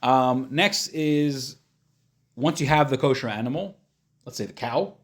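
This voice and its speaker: A man's voice: medium pitch, a little slow. A man teaching an informal religious class. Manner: hesitant, searching for words, thinking aloud; casual, plain-spoken, simplifying. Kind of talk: informal religious lesson, explaining.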